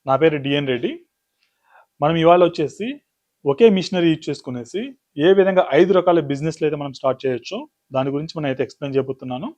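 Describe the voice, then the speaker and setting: A man's voice: fairly high pitch, a little mellow. A man presenting a product demonstration, explaining the steps one by one. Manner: rapid explanatory, lists items step by step. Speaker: business demo presenter.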